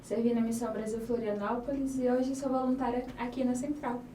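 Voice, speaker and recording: A calm young woman gives a brief introduction on a podcast, her voice a little high. She is picked up from a distance in an echoey room. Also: fairly quick, a little hiss or hum. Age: 20s. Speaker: podcast guest. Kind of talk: casual podcast chat.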